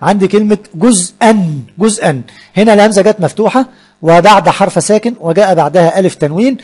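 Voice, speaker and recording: Egyptian male teacher, quick delivery, drawn-out examples, lively classroom style. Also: high voice. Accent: Egyptian Arabic. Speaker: Arabic teacher. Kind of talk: classroom grammar lesson.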